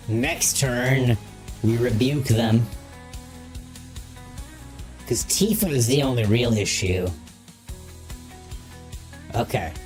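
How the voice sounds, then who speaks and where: Man through a voice modulator. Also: medium pitch. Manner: thinks aloud through each move. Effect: voice modulator filter. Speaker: streamer playing a card game. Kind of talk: casual gameplay commentary.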